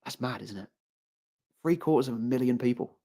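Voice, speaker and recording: Guy on a livestream, chatty and rambly, keeps repeating himself, mid pitch. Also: brisk, mellow. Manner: rambling, repeats phrases, frequent restarts. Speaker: livestream host. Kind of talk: casual live-stream commentary reading chat.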